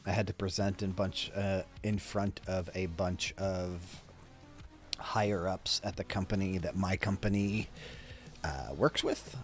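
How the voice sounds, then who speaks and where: Tired low-voiced man with faint music. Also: fairly even intonation, measured pace. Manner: rambling, sluggish, swears casually. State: tired and drowsy. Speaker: reaction video host. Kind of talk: casual reaction vlog chat.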